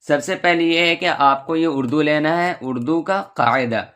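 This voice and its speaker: A man, a madrasa teacher, giving a patient beginner's lesson and reciting the alphabet slowly, letter by letter. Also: a little high, a bit bright.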